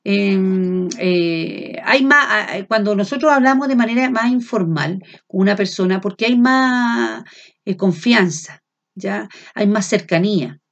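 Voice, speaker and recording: A woman with a Chilean accent teaching a language class, often checking in with her students and filling pauses as she explains. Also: medium pitch, gravelly, dull audio. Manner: frequent checks of "¿ya?" and fillers; speaks loud without shouting. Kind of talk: classroom lecture.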